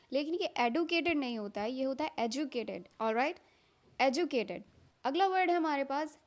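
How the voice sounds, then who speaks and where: A young woman teaches pronunciation in a slow, deliberate way. She repeats each word and checks with "okay?". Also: high-pitched. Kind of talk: Hindi-language lesson with English example words.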